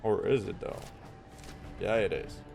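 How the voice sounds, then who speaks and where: A man's voice: fairly low pitch, measured pace, gravelly. A man hosting a gameplay video with casual commentary, musing to himself as he plays. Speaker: gaming video host. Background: loud game music.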